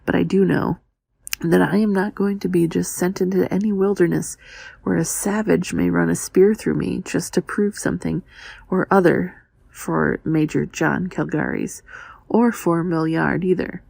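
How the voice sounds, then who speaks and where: A woman voicing an urgent, cynical young man in an audiobook, breathy and hushed, reading under her breath. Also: fairly low pitch, steady tone, a little slow, dry recording, exaggerated voice. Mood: grim, urgent. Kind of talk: quiet ASMR audiobook dialogue.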